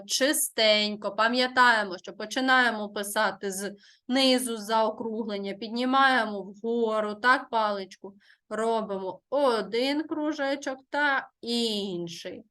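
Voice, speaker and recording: Woman teacher, fairly high voice, slow dictation pace, asks and answers her own questions. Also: pushed and bright. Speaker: primary school teacher. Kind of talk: online Ukrainian language lesson.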